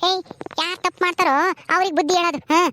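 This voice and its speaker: A woman's voice: very high-pitched, fairly even intonation, racing, sharp tone, a little hiss or hum. A woman doing a nagging, scornful village mother-in-law. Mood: scolding. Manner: scornful, nagging with repeated "haa?". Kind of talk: village family skit.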